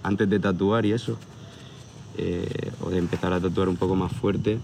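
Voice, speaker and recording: At a hilltop viewpoint at sunset, a man of about thirty, a tattoo artist from near Barcelona, Spain, gives a relaxed, rambling outdoor interview full of hesitations. He speaks in a low, creaky voice at normal speed over a noisy background of crickets and outdoor ambience.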